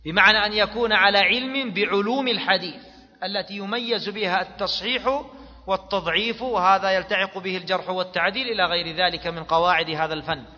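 A man's voice: high voice, fast talker, pushed and bright. A man teaching a class as a religious scholar, posing fill-in questions to his students and repeating key words. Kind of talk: classroom lecture on jurisprudence. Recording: dull lo-fi recording in an echoey hall.

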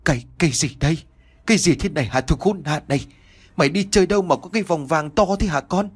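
A man's voice: fairly high pitch, fast talker, slightly rough, voice pushed up. A man voicing an elderly father, a proud rural scholar, scolding in a shaking, breathless voice in an audiobook story. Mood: shocked. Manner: trembling, scolding, breathless with rage.

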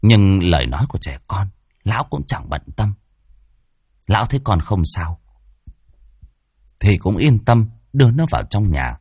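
A man's voice: lowish voice, big pitch swings, moderate pace, pauses often, darkish tone, slightly rough, no echo. A man narrating a horror story in a dramatic, ominous way.

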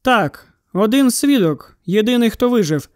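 A man's voice: high-pitched, measured pace, dry recording, studio quality. A man reading the part of an agitated, exclaiming middle-aged town constable in an audiobook. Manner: excited and exclaiming.

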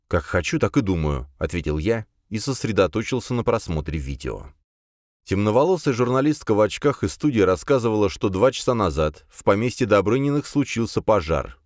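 A man narrating a fantasy audiobook in the first person with expressive, measured storytelling. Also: on the low side, no echo, clean studio sound.

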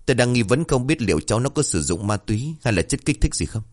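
A man doing a gruff village policeman. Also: medium pitch, lively intonation, fast talker, natural voice. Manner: brusque, scolding. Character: gruff rural policeman, blunt and irritable.

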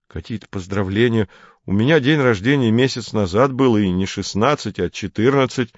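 A man's voice: lowish voice, normal speed, dry recording, highs cut off, close to an everyday voice. A man reading aloud, voicing a guilty fourteen-year-old boy who grumbles and defends himself. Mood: defensive, grumbling.

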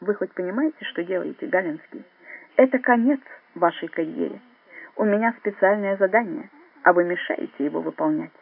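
A man's voice: sits high, brisk, gravelly. A man voicing a weary, cold professional agent who speaks with tired contempt in an audiobook. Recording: dry, phone-like narrow sound.

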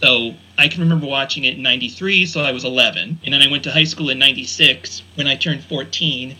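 Bright husky-voiced man chatting. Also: mid-range voice, fast, poor audio. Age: 40s. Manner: rambling, enthusiastic, lots of fillers. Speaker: podcast panelist. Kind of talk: casual chat.

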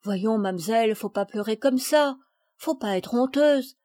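A woman's voice: measured pace, no echo, studio quality, lightly acted. A woman putting on a blunt old peasant gardener. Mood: chatty. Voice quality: rustic country speech. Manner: loud, scolding, high-pitched.

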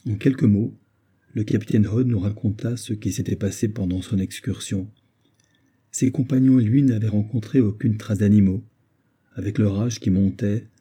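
A man narrating an adventure novel in a steady, measured audiobook reading. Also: fairly low pitch, slightly rough. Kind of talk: scripted narration.

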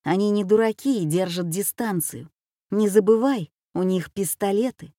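A woman voicing a calm, sullen boy in glasses who speaks quietly. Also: mid-range voice, moderate pace, dry recording, clean studio sound, close to an everyday voice. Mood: hushed. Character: calm bespectacled schoolboy, gloomy and level-headed. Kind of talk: audiobook character voice.

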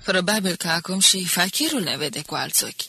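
A woman's voice: fairly low pitch, lively intonation, pushed and bright, slightly rough, full character voice. A woman reading the lines of a blunt male soldier in an audiobook. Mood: gruff. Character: blunt male soldier, talking with his mouth full.

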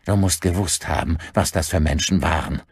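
A man voicing a cold, vengeful older man who speaks slowly and deliberately in an audiobook. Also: low-pitched, husky, dry recording, clean studio sound. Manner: slow, deliberate, icy.

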